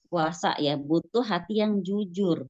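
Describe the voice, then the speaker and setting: Lively woman teaching religion. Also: on the low side, unhurried, no room sound. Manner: lively, acts out voices in quoted speech. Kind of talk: casual religious study talk. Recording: dull dry lo-fi recording.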